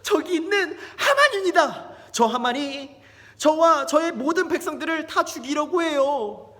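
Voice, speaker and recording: A man voicing a frightened young queen who pleads through tears, in a high strained crying voice. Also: expressive, a little slow, fairly bright tone, full character voice. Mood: tearful pleading. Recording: long church hall reverb.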